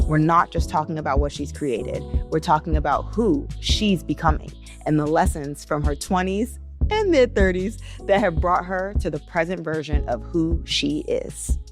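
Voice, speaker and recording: A woman in her thirties hosting a podcast interview, talking candidly, laughing often and swearing casually. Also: deep voice. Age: 30s. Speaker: podcast host.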